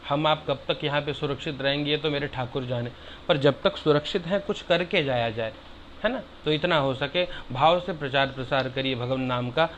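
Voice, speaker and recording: A man's voice: a little high, muffled recording, slight background noise. A man giving a devotional discourse, explaining sacred verses in plain speech and calling his listeners brother. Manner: chants Sanskrit verses slowly and loudly between plain explanation; addresses listeners warmly as brother. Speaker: religious teacher.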